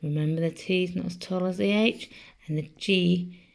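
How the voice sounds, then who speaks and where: Woman teacher, low gravelly voice, slow patient spelling lesson. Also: fairly even intonation. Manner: slow, patient, sounding out letters one by one. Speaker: primary school teacher.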